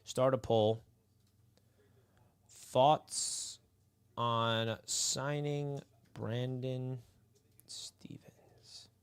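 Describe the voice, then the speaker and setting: A man's mid-range, smooth voice holds a steady tone as he hosts a casual live sports stream outdoors in the sun, with drawn-out words and long pauses. He still speaks directly to his chat in a hyped, chatty manner.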